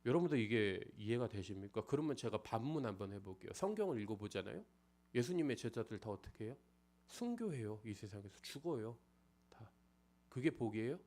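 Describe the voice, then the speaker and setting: Man preaching with lively, swinging pitch. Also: fairly quick. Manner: frequent rhetorical questions to the congregation; swings between loud emphasis and hushed near-whispers. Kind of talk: expository sermon.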